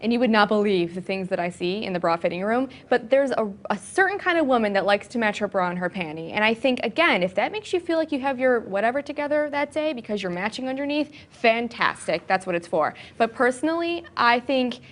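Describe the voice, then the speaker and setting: A woman's voice: on the high side, animated, brisk, few pauses. A woman speaking as a lingerie fitting expert guest, playful and chatty in a casual panel chat.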